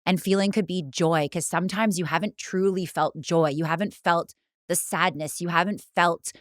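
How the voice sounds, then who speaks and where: A woman's voice: lowish voice, fairly even intonation, normal speed, no room sound. A woman co-founder of a fitness studio, talking in a casual, reflective way with many fillers. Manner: reflective, speaks in long flowing thoughts with many "like" fillers. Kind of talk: casual conversation.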